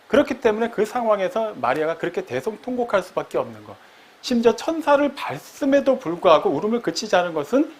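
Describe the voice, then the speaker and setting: Lively high-voiced Korean pastor preaching. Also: male voice. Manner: explains step by step, asks rhetorical questions; acts out quoted lines with sharp rises and drops in pitch. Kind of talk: sermon.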